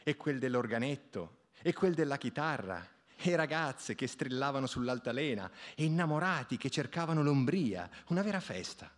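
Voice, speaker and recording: A man reading a literary short story aloud on the radio, with expressive storytelling. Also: mid-range voice, moderate pace. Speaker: radio reader.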